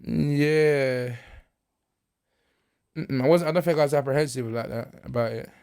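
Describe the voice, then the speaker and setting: A man's voice: medium pitch, moderate pace, darkish tone, clean tone. A man with a south London accent chatting casually in an interview, using street slang and frequent tag questions. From Lewisham, south London. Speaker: music artist guest on a prison podcast.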